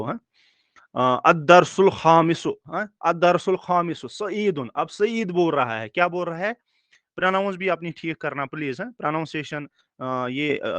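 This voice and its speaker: A man teaching a recorded lecture, explaining slowly, repeating words and checking in with his students. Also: a little high, a bit bright, dry recording. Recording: dull dry lo-fi recording.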